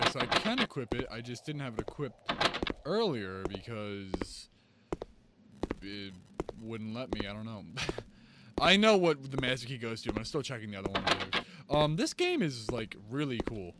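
A man giving excitable let's-play commentary, swearing freely and breaking into loud yelps. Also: mid-range voice, very noisy. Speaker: gaming video creator.

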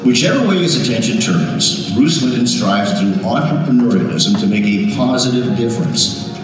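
A man's voice: mid-range voice, moderate pace, far from the mic, faint music behind. A man narrating a tribute video in a scripted, emphatic announcer style. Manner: lively, emphatic announcer delivery. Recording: video played over hall speakers, echoey.

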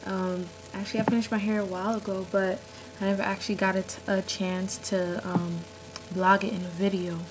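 Chatting at home in her bedroom, a young woman talks to her webcam in a casual vlog, using lots of ums and likes. She speaks a little fast with a flat delivery in a mid-range, slightly hoarse voice, picked up close by the built-in webcam mic over background noise.

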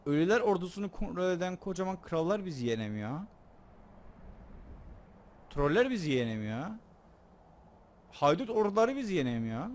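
A young man casually commenting on his own gameplay, joking and excitable, talking to his viewers. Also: fairly high pitch. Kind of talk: casual let's play commentary.

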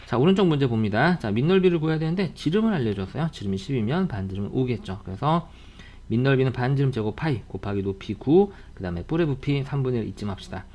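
A male math teacher giving a recorded online lesson. He talks at a mid pitch and works through each problem briskly, repeating the same reminders again and again. Now and then he breaks off into friendly lecturing asides. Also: lively intonation, darkish tone.

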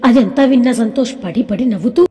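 A woman narrating a story aloud, expressive and reading every part herself. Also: a little high, a little fast. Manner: expressive, reads all parts herself. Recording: echoey room with long reverb.

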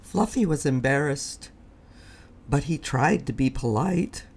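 A woman reading a children's story aloud in an expressive way, with deliberate dramatic pauses. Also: sits low, a little hiss or hum. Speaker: storybook reader.

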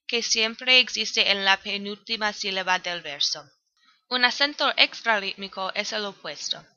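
A woman student with a mid-range, sharp-toned voice reads a prepared poem analysis aloud as a school presentation, evenly and with some grammar slips. The recording is dull, dry and lo-fi, with no room sound.

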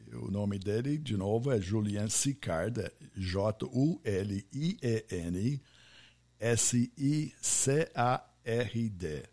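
An American man, a podcast host, speaking Portuguese in a friendly business interview and slowly spelling out names and web addresses. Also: fairly low pitch, darkish tone. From United States.

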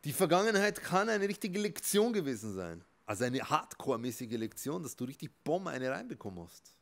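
Animated male rabbi giving a talk. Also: on the high side, brisk. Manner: emphatic, swings between soft and loud. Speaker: rabbi and therapist. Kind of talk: motivational religious talk.

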